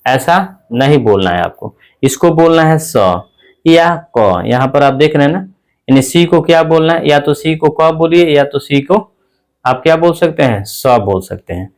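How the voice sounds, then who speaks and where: Man teaching slowly, letter by letter. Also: a little high, smooth. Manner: slow, drawn-out letter-by-letter explanation with rhetorical questions. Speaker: English teacher. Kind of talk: classroom-style spoken lesson.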